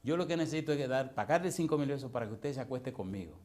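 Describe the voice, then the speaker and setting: A man voicing a wealthy married woman who makes soft, insistent requests. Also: medium pitch, animated, rapid-fire, natural voice. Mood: coaxing.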